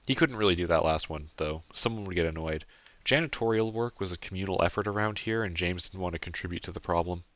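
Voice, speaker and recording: A man narrating his own novel as an audiobook, in a steady, earnest storytelling manner, recorded close on a home mic with slightly dull lo-fi sound. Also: deep voice, fast talker.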